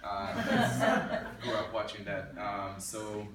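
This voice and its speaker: A young Israeli man in his twenties, a military officer whose first language is Arabic, gives an informal talk to students in an indoor room with an audience. His lowish voice swings hugely in pitch at a slow pace, full of ums, restarts and wry humor. A distant mic adds roomy echo, and the background is noisy.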